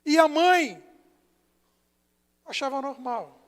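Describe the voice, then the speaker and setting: A Brazilian man preaching as a pastor, telling a story and swinging between hushed and loud passages. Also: very high-pitched, lively intonation, takes it slowly. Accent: Brazilian Portuguese. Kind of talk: sermon. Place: church sanctuary. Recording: long church hall reverb.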